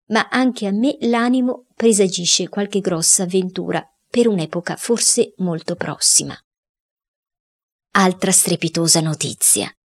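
Woman reading a storybook, fairly low voice. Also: darkish tone, husky. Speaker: audiobook narrator.

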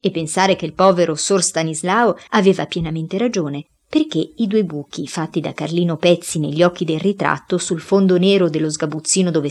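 Husky woman reading a story aloud. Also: on the low side, a little mellow. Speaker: reader. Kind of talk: audiobook reading of a boy's first-person diary.

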